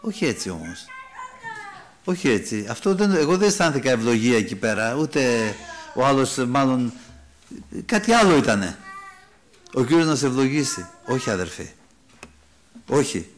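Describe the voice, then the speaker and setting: Ένας μεσήλικας άνδρας ιεροκήρυκας που κηρύττει με οικείο, κουβεντιαστό τόνο, εξηγεί τη Γραφή και απευθύνεται στους ακροατές ως «αδερφοί». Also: male voice, mid-range voice, sing-song, pauses often, a little hiss or hum. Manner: conversational preaching, addresses listeners as brothers, reads and explains scripture. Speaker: preacher. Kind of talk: sermon. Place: church hall.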